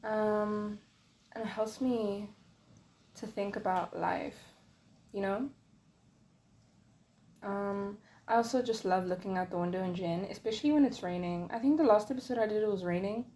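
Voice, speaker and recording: A woman's voice: mid-range voice, normal speed, pauses often, mellow, slight background noise. A woman in her twenties chatting casually on her solo podcast, rambling along with lots of fillers while she crochets. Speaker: podcast host.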